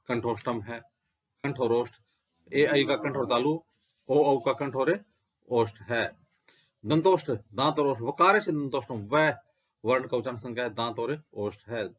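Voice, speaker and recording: A male teacher gives a lesson at an ordinary pitch. He recites lists of letters one by one and poses questions that he answers himself. The recording sounds dull and lo-fi. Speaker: Sanskrit grammar teacher. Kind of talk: classroom-style lecture.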